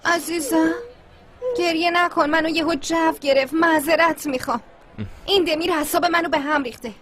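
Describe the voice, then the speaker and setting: A woman dubbing a quick-tempered young woman who scolds sharply. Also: very high voice, steady tone, a bit bright. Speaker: dubbing actor.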